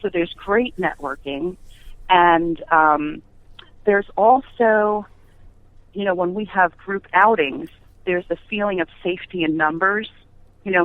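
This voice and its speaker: This podcast guest, a middle-aged businesswoman who founded her own company, speaks in a fairly low register. She shares stories with emphasis and rhetorical questions in a chatty interview, captured as a dry recording with thin phone-line quality.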